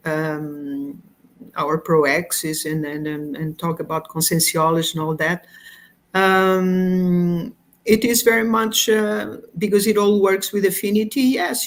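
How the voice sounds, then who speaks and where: A middle-aged woman from Portugal, a guest explaining her views in a thoughtful, unhurried way with frequent pauses. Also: fairly low pitch. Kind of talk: explanatory conversation.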